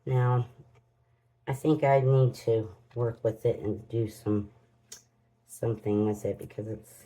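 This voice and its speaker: A woman's voice: a bass voice, fairly even intonation, unhurried, dark tone, low-quality recording. A woman hosts a casual crafting vlog, muttering to herself as she works in homespun phrasing. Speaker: crafting channel host. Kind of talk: casual unboxing and demo vlog.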